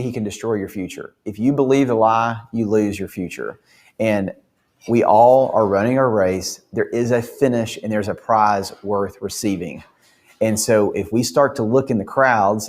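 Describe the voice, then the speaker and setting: A man giving a faith-based motivational talk to his company, telling stories in an earnest, animated way with frequent restarts. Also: medium pitch.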